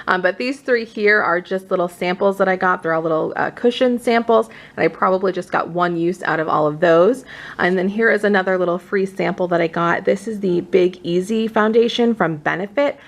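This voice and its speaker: A pregnant beauty vlogger, slightly out of breath, goes over her products in an informal, conversational chat to camera. Her voice is creaky and sits in the mid range.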